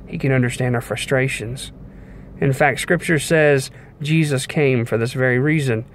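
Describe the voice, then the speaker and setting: A young man with a middling pitch delivers a devotional message like an informal sermon, earnest and measured, pausing between short phrases. He is recorded on a phone held at arm's length inside a car, with some background noise around his voice.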